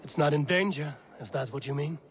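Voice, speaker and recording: Actress as a deadpan female Viking warrior. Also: sits low, fairly quick, slight background noise, lightly acted. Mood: dry, wry. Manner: deadpan, wry. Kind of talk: video game voice acting.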